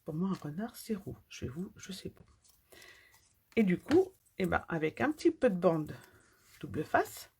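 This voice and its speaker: Gravelly-voiced woman demonstrating papercraft live. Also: fairly low pitch, sing-song, measured pace, pauses often, dark tone, a little hiss or hum. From France. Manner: chatty, talks while working with hands. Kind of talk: live craft tutorial.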